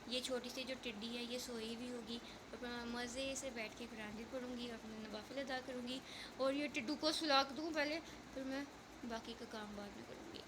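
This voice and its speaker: A woman's voice: fairly high pitch, steady tone, moderate pace, background noise. A woman in her thirties, a mother, chatting casually in a vlog from home at night, laughing easily. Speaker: vlogger and mother.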